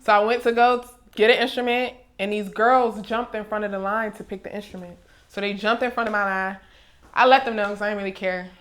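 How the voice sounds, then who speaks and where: A woman's voice: medium pitch, fairly quick. Young woman telling stories casually. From Maryland, USA. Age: 20s. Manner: relaxed storyteller, laughs easily. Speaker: music artist guest. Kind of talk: casual interview chat. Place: recording studio.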